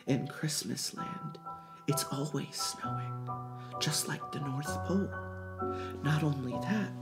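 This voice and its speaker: A storyteller voicing a low, inviting male creature that speaks to a child from up a chimney, sounding distant and hushed. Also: animated, slow pace, over loud music. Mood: coaxing. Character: coaxing male hand voice calling down from a chimney. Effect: distant voice echoing down a chimney. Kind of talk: storytelling reading.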